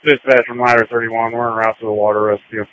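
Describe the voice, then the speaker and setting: A man's voice: mid-range voice, little pitch movement, quick pace, fairly bright tone. A firefighter making brief emergency radio calls, his voice coming through a two-way radio with bursts of static. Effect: radio with static bursts and hiss. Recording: tinny hissy two-way radio.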